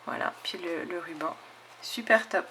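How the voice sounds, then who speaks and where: Chatty woman with a gravelly voice. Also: lowish voice, a little slow, pushed and bright, slight background noise. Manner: enthusiastic, chatty, lots of fillers and "hop". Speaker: scrapbooking channel host. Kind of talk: casual show-and-tell of craft mail.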